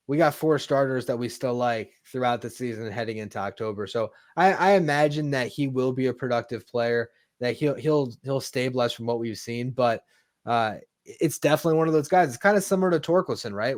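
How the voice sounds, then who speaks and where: A man's voice: mid-range voice, normal speed, dry recording, clean studio sound. A man co-hosting a sports talk show, speaking conversationally with stammering repeats. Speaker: podcast co-host.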